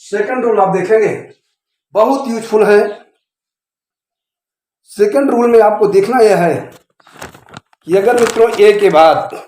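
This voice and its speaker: A man's voice: sits high, measured pace, pauses often, a little mellow. A man teaching English pronunciation rules in a video lecture, repeating points and often checking that viewers follow. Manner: repetitive, checks understanding often. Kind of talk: classroom-style video lecture. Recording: very echoey room.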